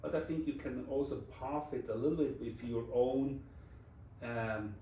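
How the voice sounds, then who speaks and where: At normal speed and with a warm, mid-range voice, a Swiss design executive in his forties reflects as a guest in a relaxed interview. He uses English as a second language, with a Swiss German accent, non-native phrasing and restarts. The recording is distant and off-mic, echoing in a roomy space with slight background noise.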